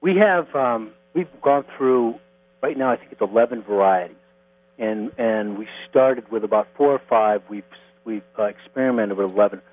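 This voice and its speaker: Middle-aged man on a tinny phone line. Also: fairly low pitch. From Connecticut. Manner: unhurried, plain-spoken, explains step by step. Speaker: guest, distiller. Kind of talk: phone interview.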